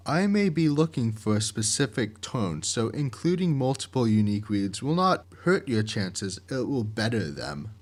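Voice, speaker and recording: Methodically and in measured, plain language, a man with a fairly low voice narrates scripted instructions step by step, much as a project director would.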